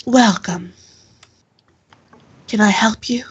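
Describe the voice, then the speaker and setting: A woman's voice: fairly high pitch, takes it slowly, husky, muffled recording, full character voice. A woman voicing a dire, suspicious female temple warrior who questions curtly, sometimes half in a whisper.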